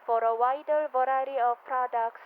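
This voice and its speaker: A woman's voice: high-pitched, fairly even intonation, moderate pace. A woman making a formal, scripted cabin announcement as a flight attendant. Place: aircraft cabin, over the PA. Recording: muffled cabin PA, noisy aircraft cabin. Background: cabin noise.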